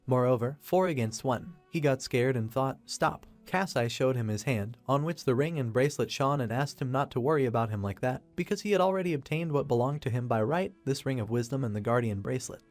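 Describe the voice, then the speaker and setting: A man's voice: medium pitch, a little mellow. Man narrating a comic recap. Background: faint background music.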